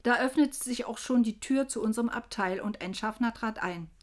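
A woman narrating a first-person story aloud, lively, her voice rising for the quoted cries. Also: on the high side, normal speed.

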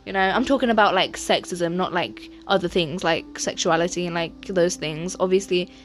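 A woman's voice: lowish voice, moderate pace, faint music behind. A young woman co-hosting a podcast, chatting casually and emphatically, often saying "like" and laughing. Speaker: podcast co-host. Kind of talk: casual chat.

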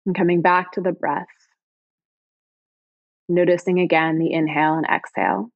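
A woman leading a guided body-scan meditation in slow, soft, soothing phrases. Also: lowish voice, steady tone, no echo, dull audio.

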